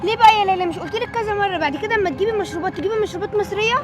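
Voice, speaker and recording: A woman's voice: very high-pitched, rapid-fire, music in the background. A young woman with an Egyptian accent playing a defensive daughter who pleads with her family and guests. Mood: pleading. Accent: Egyptian Arabic.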